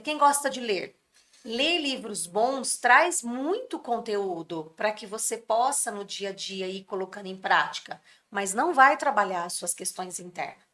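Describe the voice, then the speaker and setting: A woman with a mid-range, bright, forceful voice is a guest on a podcast, earnestly explaining workplace mental health in conversation. Brazilian Portuguese is her native language, and she sometimes dramatizes what people say.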